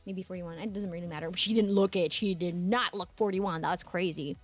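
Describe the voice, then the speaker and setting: A woman's voice: a little fast, soft background music. A young woman from the Philippines, a streamer telling a travel story in casual chat, acting out the people she quotes. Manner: animated, acts out quoted voices with high squeals.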